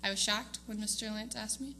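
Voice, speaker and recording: In a church sanctuary, a student gives a casual award speech to the congregation, her mid-range voice bright, steady, pressing forward and a little fast. She keeps pausing on ums, restarting sentences and laughing often, while a faint hum runs beneath the recording.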